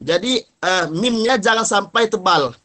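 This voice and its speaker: A man with an Indonesian accent teaching tajwid, slowly chanting example words and contrasting right and wrong readings. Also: sits high, bright, forceful tone. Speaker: Quran recitation teacher. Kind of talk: tajwid lesson with recited examples.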